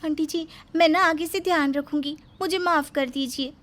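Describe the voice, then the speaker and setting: A naive, soft-hearted young daughter-in-law, voiced by a woman in an animated story. Her voice sits very high and she pleads through sobs. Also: normal speed, very noisy, lightly acted. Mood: apologetic.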